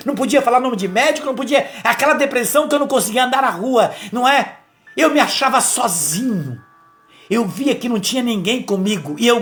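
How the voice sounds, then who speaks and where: A man's voice: extremely high pitch, a bit bright. Man preaching a conversational testimony. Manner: conversational, storytelling, frequent tag questions. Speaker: lay preacher giving testimony. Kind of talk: personal testimony on a live stream.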